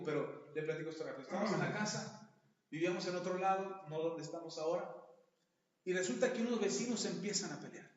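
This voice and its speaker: A man preaching a sermon, telling stories in a conversational way and asking the congregation questions, in a church hall. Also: high-pitched. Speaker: pastor. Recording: echoey hall, dull sound.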